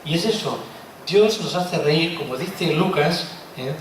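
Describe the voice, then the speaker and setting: Man, expressive preacher, a bit high-pitched, recorded far off with faint noise. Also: unhurried, very echoey. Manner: expressive, rhetorical questions, tag words like "¿eh?". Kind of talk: sermon. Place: church hall.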